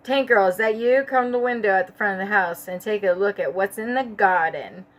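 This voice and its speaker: A woman's voice: medium pitch, brisk, lightly acted, rough recording. A woman reading aloud, voicing a wild, hysterical young woman who swears and barks orders. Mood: excited. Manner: shaky, loud, swearing.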